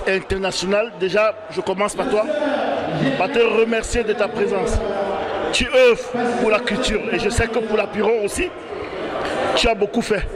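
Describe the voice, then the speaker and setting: A man's voice: high voice, fairly even intonation, normal speed. A man who organized the event, thanking everyone emotionally in a vox pop interview on a camera mic in a packed hall. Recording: loud crowd behind.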